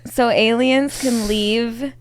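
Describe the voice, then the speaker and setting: A fairly high-voiced young woman co-hosting a podcast, chatting loosely and laughing as she wanders from one tangent to the next. Her talk is casual and unscripted. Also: fairly even intonation, slow pace. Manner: rambling, laughs a lot, goes off on tangents. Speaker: podcast co-host. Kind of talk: casual chat.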